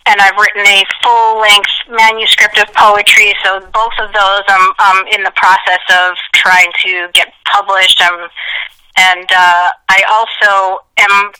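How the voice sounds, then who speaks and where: A woman talking casually as an interview guest, telling stories in an animated way. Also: medium pitch, unhurried, smooth, low-quality recording. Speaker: podcast guest, ring announcer and commentator.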